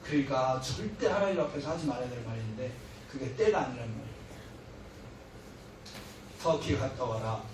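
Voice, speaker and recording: A man's voice: medium pitch, normal speed, pauses often, noisy background. A middle-aged man preaching as a missionary speaker, telling stories with humor and acting out what people said. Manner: humorous storytelling, acting out quoted lines. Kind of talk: sermon. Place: church hall. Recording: echoey hall, heard from far off.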